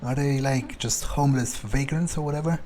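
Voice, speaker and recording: Faint game ambience and a little hiss or hum sit behind a man playing through a video game in character. His mid-range voice is mellow and moderately paced as he muses aloud, hesitant and sardonic.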